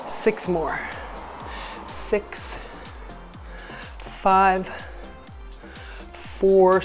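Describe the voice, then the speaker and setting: A woman with a fairly low, slightly mellow voice instructs a fitness class. With music playing behind her, she gives brief words of encouragement and counts out repetitions.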